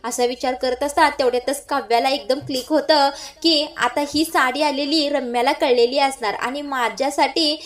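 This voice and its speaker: A woman narrating a TV serial recap, telling the story in a lively way and addressing viewers directly. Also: high voice, moderate pace, few pauses.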